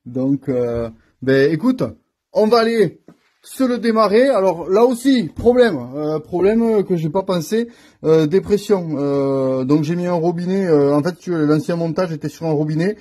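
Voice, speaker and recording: Chatty husky-voiced man in his workshop. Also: a little high, lively intonation, moderate pace, dark tone. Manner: chatty, talks straight to the viewer, thinks aloud with fillers. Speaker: scooter mechanic vlogger. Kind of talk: casual how-to vlog. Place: home workshop. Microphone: phone filming himself.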